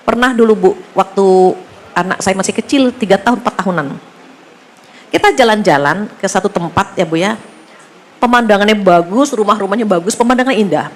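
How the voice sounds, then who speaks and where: A middle-aged woman giving a sermon to women, chatty and lively, often turning to her listeners and acting out little dialogues. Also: mid-range voice, a little fast, a little hiss or hum. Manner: acts out dialogue in shifting voices. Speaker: religious teacher.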